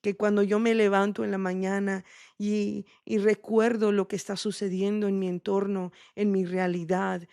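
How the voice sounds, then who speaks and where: A woman giving a devotional teaching, earnest, slow and prayerful, with frequent restarts. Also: medium pitch, flat delivery, mellow, clear, resonant tone, no room sound, studio quality. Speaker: podcast host sharing a devotional.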